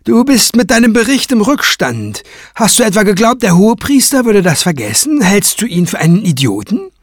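A high, jeering toady clerk, played by a man reading an audiobook. He shrieks his mockery with sing-song swings of pitch. The booth sounds dry and close. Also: big pitch swings, moderate pace, dry recording. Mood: sneering. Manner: mocking, shrieking. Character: shrill sneering male toady cleric.

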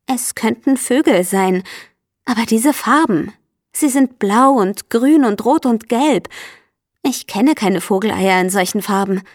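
A woman's voice: a little high, expressive, unhurried, no room sound, clean studio sound, voice pushed up. A woman voicing an anxious, earnest female friend who talks urgently and stammers. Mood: worried.

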